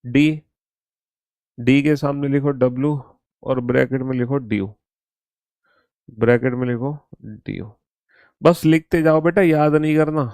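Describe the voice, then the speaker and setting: A man teaching an online exam-prep reasoning class, dictating slowly to his students and repeating each instruction. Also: mid-range voice, a little mellow, clear, resonant tone, no room sound.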